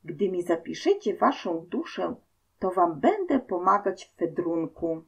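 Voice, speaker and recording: Sly scheming devil in disguise, voiced by a woman, wheedling tone, slow, storybook reading. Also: on the low side, very animated, gravelly, breathy edge, exaggerated voice. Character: scheming male devil disguised as mine foreman.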